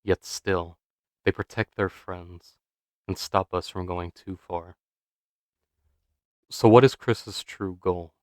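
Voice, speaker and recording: A low-voiced man reads a scripted video essay, measured and dramatic, leaning into rhetorical questions. The sound is dry and close, with no room around it. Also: fairly even intonation, no echo. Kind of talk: scripted narration.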